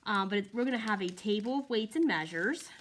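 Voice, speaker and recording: Woman doing a casual book review, friendly and chatty, mid pitch. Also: lively intonation, brisk, a little hiss or hum. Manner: friendly, chatty, walks through pages while talking. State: slightly out of breath. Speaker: Bible reviewer.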